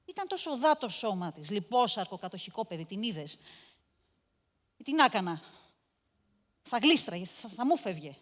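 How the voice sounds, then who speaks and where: An actress playing a cruel, domineering mistress of a house, cold and contemptuous, breaking into shouts, in a stage monologue. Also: female voice, medium pitch, very animated, long pauses, in a large hall.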